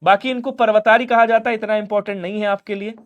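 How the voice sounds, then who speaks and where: A young man teaching a live online grammar class, drilling answers in a brisk, chatty way and talking straight to his students. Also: sits high, steady tone, phone-quality sound. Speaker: online exam tutor.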